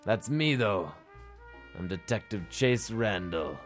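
A man playing a world-weary old seafaring private detective in a gruff, brooding, self-dramatizing noir monologue style for a comic radio play. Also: fairly low pitch, lively intonation, slow. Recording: music playing under the voice.

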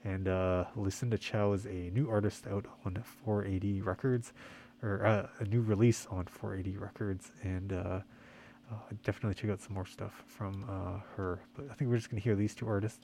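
A man hosting a music radio show in a casual, halting, quiet way, slightly muffled by the mask he is speaking through. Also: lowish voice, steady tone. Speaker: radio host and DJ. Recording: faint background noise, muffled by mask.

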